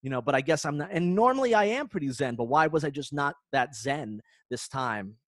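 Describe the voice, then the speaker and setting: A man co-hosting a podcast, telling a story with lots of restarts and animated swings. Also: fairly high pitch, a little fast, a little hiss or hum. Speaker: podcast co-host. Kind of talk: casual chat.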